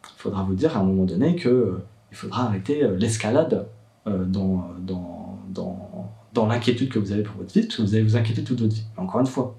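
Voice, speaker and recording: A man's voice: lowish voice, gravelly, mellow, echoey room, distant mic. A young man, a worried father, telling his story in a hesitant vlog monologue full of fillers and restarts. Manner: hesitant, many fillers and restarts, rising when upset.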